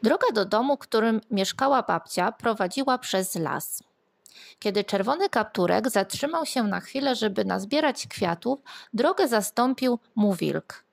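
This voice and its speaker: A woman reading a fairy tale aloud to children, expressive and lilting, sometimes asking the listeners questions. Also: on the high side, unhurried, vocal fry. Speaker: storyteller.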